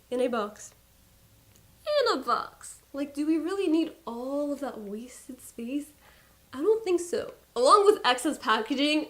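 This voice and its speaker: A young woman vlogs about beauty, chatting casually and loosely to camera in a voice a little higher than most and fairly bright. Speaking straight to her viewers, she adds candid, playful emphasis and laughs at herself now and then.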